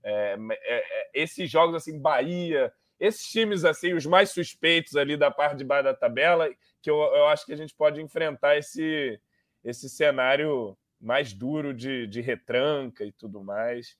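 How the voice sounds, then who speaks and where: A man with a Brazilian Portuguese accent and a fairly high voice chats about sports. His delivery is slangy and conversational, and the sound is dry and close. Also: a little slow, a bit bright, no room sound. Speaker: football podcast commentator. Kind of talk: casual sports discussion.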